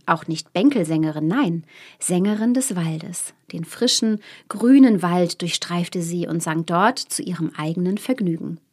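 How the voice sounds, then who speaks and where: Lower-voiced woman reading a fairy tale. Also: breathy edge. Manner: expressive, questioning asides. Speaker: narrator. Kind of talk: storybook reading.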